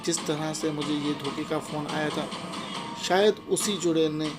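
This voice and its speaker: A man's voice: fairly high pitch, fairly even intonation. A man narrating a first-person horror story in an anxious, tense retelling, with music playing underneath.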